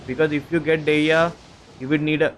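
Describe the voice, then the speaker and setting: Slow-talking Indian streamer, young man. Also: fairly high pitch, level tone, a little hiss or hum. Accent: Indian English. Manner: mixes Hindi and English, rambling, restarts often. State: struggling to speak smoothly. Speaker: game streamer. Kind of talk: casual live-stream chat. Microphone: headset taken off.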